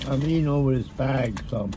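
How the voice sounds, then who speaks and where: A man's voice: mid-range voice, fairly quick, mellow, slight background noise. An older man, a father co-hosting a food review and chatting easygoing while eating in a parked car, picked up by a dashboard camera. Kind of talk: casual chat in a car.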